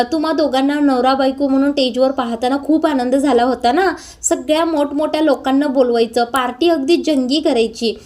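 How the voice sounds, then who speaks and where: A woman's voice: sits high, darkish tone, natural voice. A woman voicing a scheming older sister who taunts her brother in a mock-sweet way.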